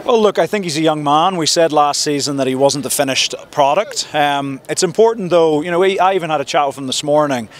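A man in his thirties speaks as a football head coach in a post-match press interview. His delivery is measured and reflective, often leaning on "you know" and "look". He is outdoors, close to a cluster of handheld reporter microphones. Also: fairly high pitch. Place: outdoors at a stadium in front of a sponsor backdrop. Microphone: several handheld reporter mics held close.

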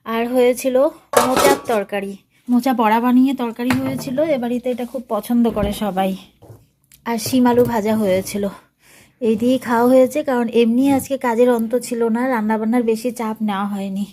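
A woman's voice: on the high side, fairly even intonation, fairly quick, darkish tone, slight background noise. A young woman chatting to her viewers as friends in a casual home vlog at night. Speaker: vlogger, mother.

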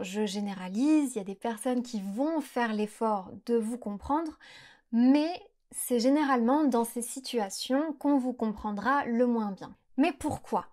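Young woman from France, French tutor; fairly high voice, clear careful delivery, explains and models sounds slowly. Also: a little mellow. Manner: clear, careful pronunciation with slowed examples. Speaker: French teacher. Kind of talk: explanatory lesson to camera.

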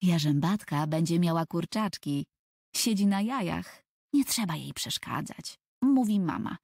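A woman's voice: lowish voice, lively intonation, a little slow, vocal fry, a little mellow, slightly rough, no echo, studio quality. A woman narrating a children's book for an audiobook, telling the story expressively.

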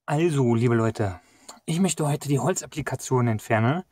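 A man's voice: mid-range voice, normal speed, heavy background noise. A young man thinking aloud with fillers as he takes apart a parked car's dashboard, recorded on a camera inside the car. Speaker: car hobbyist vlogger. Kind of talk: casual how-to commentary while working. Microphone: action camera mounted in the car.

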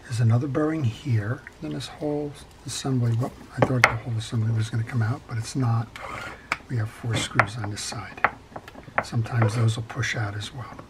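A middle-aged man calmly talking through a step-by-step reel repair at his workbench, with frequent fillers as he works. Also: medium pitch, normal speed, very noisy. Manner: calm, practical, talks while working, frequent fillers. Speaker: fishing reel repair instructor. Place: workshop bench.

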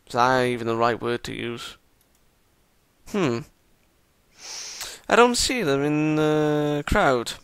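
A man's voice: on the high side, lively intonation, slow, pauses often, a bit bright, smooth, dry recording. A man reading a visual novel aloud with commentary and sarcastic, self-mocking asides. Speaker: gameplay commentator.

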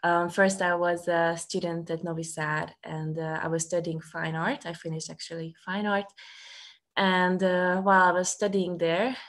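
A young woman from Serbia, a student ministry staff worker, sharing a personal story on a video call in earnest, halting speech full of fillers. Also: lowish voice, level tone. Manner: earnest, with frequent fillers and restarts. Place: small room at home. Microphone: laptop webcam on a video call.

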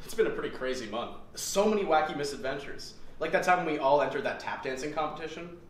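A man in a comedy sketch playing a clueless coworker who rambles deadpan. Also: on the high side, fast talker. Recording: echoey room, distant mic, noisy.

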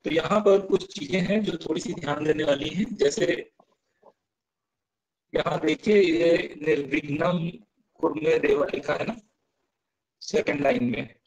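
A male teacher explains pronunciation to his class at an unhurried pace, breaking each point into small steps and checking in with students. His voice sits slightly high with a gravelly, fry-laced edge. He sounds out verses slowly, syllable by syllable. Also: darkish tone, rough recording. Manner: patient, stepwise, asks students questions. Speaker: Sanskrit teacher.

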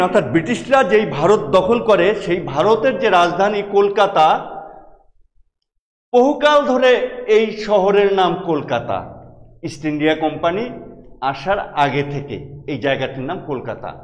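A middle-aged man from Bangladesh, a Bengali professor giving a classroom lecture, explaining slowly and repeating key words. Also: high-pitched. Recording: echoey hall reverb.

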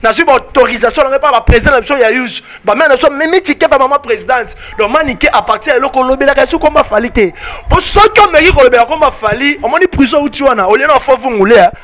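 Speaking into an interviewer's handheld mic on a building's outdoor porch, a Congolese man in his thirties answers heatedly as a fan club spokesman. His very high-pitched, fairly bright voice carries a Congolese French accent, and he switches rapidly between French and Lingala, emphatically repeating "on se comprend".

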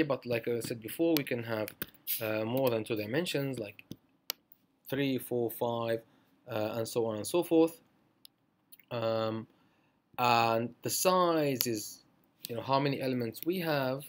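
A man's voice: mid-range voice, moderate pace, slight background noise. A man teaching a programming tutorial over a screencast, talking it through with many fillers and self-corrections. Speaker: programming instructor.

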